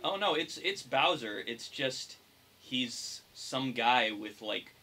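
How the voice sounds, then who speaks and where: A young adult man chats casually as a podcast co-host, with clear background noise in the recording. His mid-range voice is slow, pushed and bright, with lively intonation.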